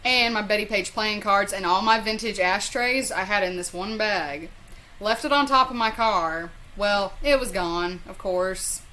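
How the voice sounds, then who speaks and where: Bright-voiced Southern woman, rambling storyteller. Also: medium pitch, a little slow, a little hiss or hum, poor audio. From southern US, North Carolina. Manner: rambling, profane, self-deprecating. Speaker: storyteller vlogger. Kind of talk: casual chat, personal storytelling.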